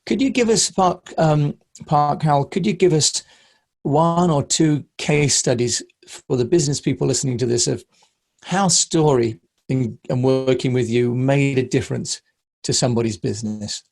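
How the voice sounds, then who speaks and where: A male podcast host asks his guest questions and keeps the talk moving with brief agreements. His voice has a gravelly fry, at a middle pitch. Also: moderate pace, a little mellow. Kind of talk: interviewing a guest.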